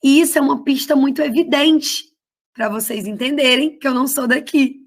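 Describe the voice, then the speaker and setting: A woman's voice: high voice, normal speed. A woman teacher with a Cearense Brazilian accent, explaining a lesson in a chatty, affectionate way to her class. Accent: Cearense Brazilian Portuguese. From Ceará, Brazil. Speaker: Portuguese teacher. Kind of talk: online class lecture.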